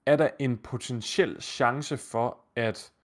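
A male podcast co-host speaks at a middle pitch in loose, casual chat. He talks quickly and enthusiastically and strings his thoughts together as they come. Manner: enthusiastic, quick, rambling analysis.

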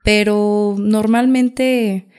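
Mexican woman guest, casual storyteller, lively, acts out the voices in her stories. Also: medium pitch, drawn-out words, clean tone. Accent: Mexican Spanish. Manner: lively, acts out quotes, frequent fillers.

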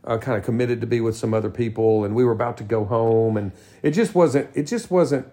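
A man's voice: mid-range voice, brisk, dark tone. A man, co-hosting a podcast in casual, rambling chat. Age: 50s. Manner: rambling, restarts sentences often. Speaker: podcast co-host.

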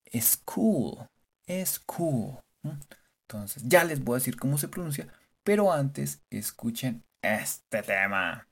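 A man hosts a playful language lesson, slowly and patiently spelling words out letter by letter. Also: mid-range voice, expressive, gravelly. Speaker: English teacher and show host.

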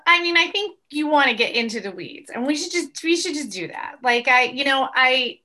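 A woman from New York speaks as a guest in a relaxed interview, earnest and quick, with plenty of fillers. Her voice is bright and sits a little high. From New York City. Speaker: guest, mother and activist. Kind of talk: casual interview chat. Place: at home.

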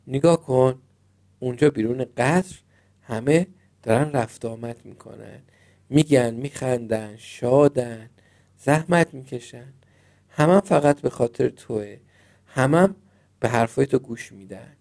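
A man voicing a kind young female fairy in training, speaking gently and soothingly in a storybook reading. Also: mid-range voice, pauses often, lightly acted. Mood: gentle.

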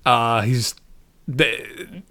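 A man's voice: medium pitch, very slow, pushed and bright. A man co-hosting a podcast, chatting casually and laughing often. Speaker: podcast co-host. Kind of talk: casual chat about an anime.

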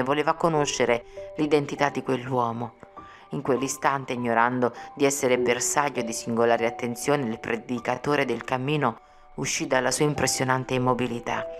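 A woman narrating an audiobook in a measured, solemn reading. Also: rumbling low. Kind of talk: scripted narration. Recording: music playing behind. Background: music.

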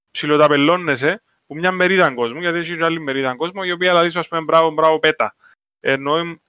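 Bright, forceful Cypriot man. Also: fairly high pitch, smooth, no room sound. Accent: Cypriot Greek. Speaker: podcast co-host. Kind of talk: casual discussion.

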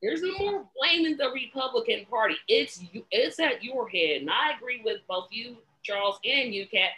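A woman hosting a casual political talk show, talking in an animated way, often restarting her sentences and adding sarcastic asides. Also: on the high side, moderate pace, poor audio. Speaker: podcast host.

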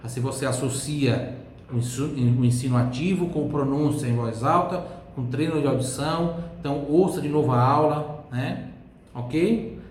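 A man with a Brazilian Portuguese accent teaches an online language lesson. He repeats words slowly and tags his explanations with quick checks. His voice sits at a middle pitch and sounds roomy, with faint ambience underneath. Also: a little mellow, slight background noise. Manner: slow drilled repetitions, frequent "tá?" and "né?" checks. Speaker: Italian teacher. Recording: echoey room, faint ambience.

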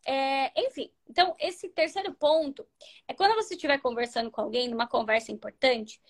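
Animated high-voiced Brazilian woman. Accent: Brazilian Portuguese. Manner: animated, acts out sample dialogues, drops to near-whispers. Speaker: live-stream host giving relationship advice. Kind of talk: casual advice talk to viewers.

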